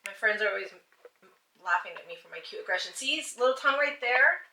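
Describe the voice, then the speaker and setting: A woman co-hosting a crafting chat stream, talking in an animated, playful way and acting out voices. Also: medium pitch, quick pace. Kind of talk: casual chat. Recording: echoey room, distant mic.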